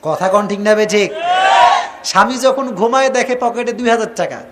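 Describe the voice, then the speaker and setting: A male preacher giving a sermon to a crowd. He shouts questions at the listeners and wants loud replies, acts out quarrels between husband and wife, and mixes English phrases into his talk. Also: sits high, moderate pace, very noisy. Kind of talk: Bangla waz sermon to a crowd.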